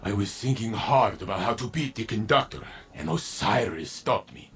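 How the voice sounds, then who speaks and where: An actor playing an earnest warrior ally in a video game cutscene, speaking in simple, halting phrases. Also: male voice, lowish voice, lively intonation, fairly bright tone. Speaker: game character.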